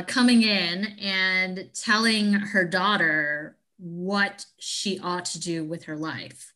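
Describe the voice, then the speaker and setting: A woman from the United States co-hosting a podcast, talking reflectively and casually in a thoughtful, halting way. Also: on the low side, sharp tone. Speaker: podcast co-host. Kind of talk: casual chat.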